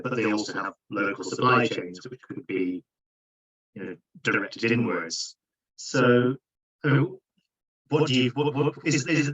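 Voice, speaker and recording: A man's voice: fairly low pitch, a bit bright. A man hosting an online meeting and asking hesitant questions, his voice echoing back from a second device. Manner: hesitant, stops and restarts questions. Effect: echo from a second device. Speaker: meeting host taking questions. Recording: echoey, dull video call audio.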